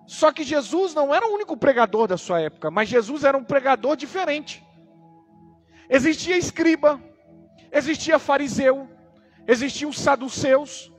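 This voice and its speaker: A man with a Brazilian Portuguese accent preaching a sermon, opening with a prayer and then teaching emphatically through repeated rhetorical questions. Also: very high-pitched. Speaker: pastor.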